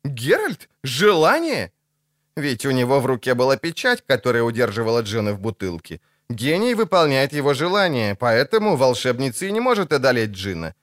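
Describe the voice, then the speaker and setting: A man narrating an audiobook in a dramatic, expressive reading style. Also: mid-range voice, fairly quick, hardly any pauses, no room sound, clean studio sound.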